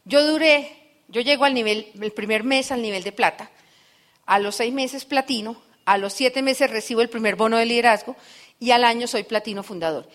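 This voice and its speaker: A middle-aged woman speaks from a stage in a fairly high voice. She tells stories with lively energy and keeps pulling the crowd in with rhetorical questions, as in a motivational business talk. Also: normal speed. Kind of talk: live motivational speech to an audience.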